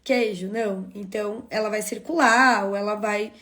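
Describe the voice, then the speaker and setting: A woman's voice: medium pitch, steady tone, normal speed, a bit bright. A woman teaching an online class, explaining step by step and asking questions that she answers herself. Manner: chatty, often adds "né?".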